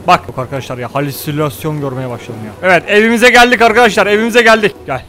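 A man giving casual let's-play commentary, excitable, talking to his viewers and cursing at the game. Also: sits high, rapid-fire, slight background noise. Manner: excitable, talks to viewers, mutters and curses at the game. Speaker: gaming YouTuber.

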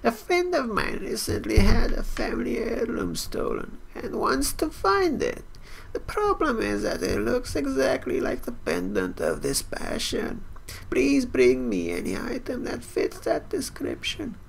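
A man voicing an elderly man who asks the player a favor, reading game dialogue in character in a slow, quavering put-on voice. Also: very high-pitched, big pitch swings, gravelly, husky, pitched above the performer's own voice, full character voice. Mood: pleading.

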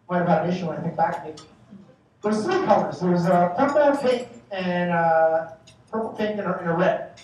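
Male emcee, 40s, mid-pitched, animated joke-teller; distant mic in a very echoey banquet hall, faint dish clatter. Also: slight background noise. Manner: animated, joking anecdotes with acted-out shouting. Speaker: master of ceremonies. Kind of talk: after-dinner storytelling speech.

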